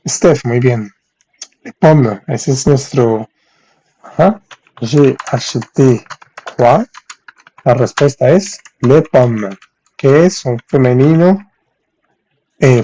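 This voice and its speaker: A man teaching French in on a live stream, reading viewers' comments and saying French examples slowly. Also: medium pitch, mellow, a little hiss or hum. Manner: reads viewers' chat, thanks them for gifts, spells French slowly. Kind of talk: live-streamed language lesson.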